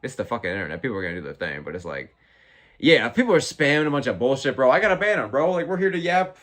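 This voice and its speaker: A man's voice: medium pitch, big pitch swings, rapid-fire, fairly bright tone. A young man talking like a slangy, profane frat bro as he hosts a casual fight watch-along and answers chat. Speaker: livestream host.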